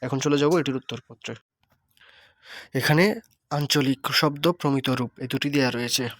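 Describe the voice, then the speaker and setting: A man from Bangladesh reading a textbook lesson aloud as a teacher, halting with fillers and self-corrections. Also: mid-range voice, steady tone, a bit bright, dry recording, clean studio sound.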